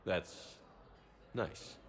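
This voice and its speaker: A man playing a steady, supportive military commander in a video game, speaking in a measured, terse and calm way.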